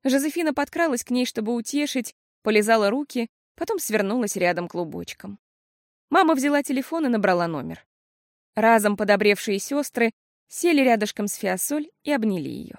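A woman narrating a children's audiobook in an expressive, measured storytelling manner. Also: on the high side, dry recording, studio quality.

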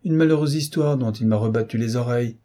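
A man's voice: medium pitch, fast talker, warm tone, close to an everyday voice. A man voicing an anxious, imploring mother pleading with her grown son in a read novel. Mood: weary. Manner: imploring, wavering.

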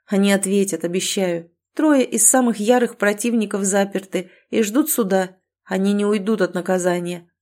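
A woman voicing a calm, protective male alpha werewolf in an audiobook, speaking quietly and evenly. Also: mid-range voice, normal speed, lightly acted. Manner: quiet, even and soothing.

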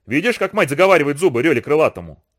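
Joking easygoing dad, read by a man, relaxed and jokey, lively pitch. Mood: jovial. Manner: jovial, unhurried. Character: cheerful easygoing father, joking.

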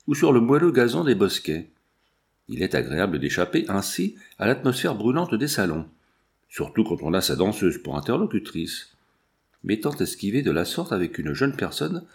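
A man's voice: on the low side, vocal fry, darkish tone. Man reading a classic novel. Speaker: audiobook narrator. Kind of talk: scripted literary narration.

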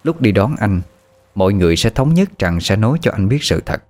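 Low-voiced male storyteller. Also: big pitch swings, brisk, darkish tone. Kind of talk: scripted story narration. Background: faint music.

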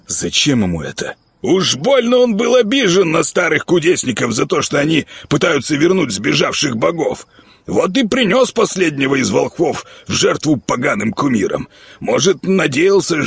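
Nervous chatterbox miller, pitched high and gravelly, whiny, read by a male narrator. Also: no echo, full character voice. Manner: whiny, excitable.

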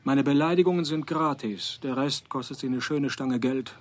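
Philip Maloney, deadpan noir detective played by a man. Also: mid-range voice, moderate pace, dry recording, lightly acted. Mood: sardonic. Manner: dry, deadpan, sardonic. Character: wisecracking, world-weary male private detective. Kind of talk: deadpan noir detective radio drama narration and dialogue.

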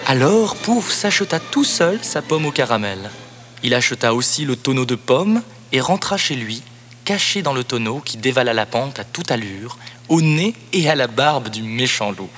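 A man narrating a children's storybook cassette in a lively, expressive read-aloud voice. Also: medium pitch, moderate pace. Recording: cassette narration over background music.

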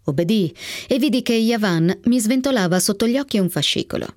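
Calm woman reading a memoir aloud. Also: medium pitch, no room sound, clean studio sound. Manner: calm, measured first-person narration. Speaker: reader. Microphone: studio microphone.

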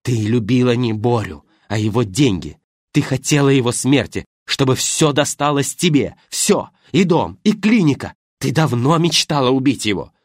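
A woman's voice: extremely low pitch, lively intonation, measured pace, hardly any pauses, sharp tone, husky, dry recording, studio quality, heavily acted. A man reading an audiobook voices a meek accountant's wife who suddenly snaps and scolds sharply. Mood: scolding.

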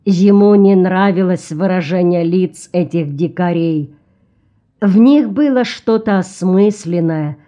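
A woman narrates an audiobook at an unhurried pace. Her tone is mellow and warm, and her reading stays even and measured. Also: on the low side, dull audio.

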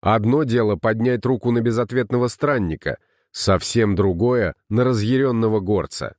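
A man narrating an audiobook in a steady storytelling manner. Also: on the low side, normal speed, dry recording, studio quality. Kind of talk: scripted narration.

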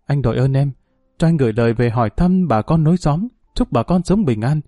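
A resigned condemned man saying goodbye, quiet and steady, as a male narrator voices him. The tone is dark and mellow, recorded close with a dry sound. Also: medium pitch, brisk, dry recording, soft background music, close to an everyday voice.

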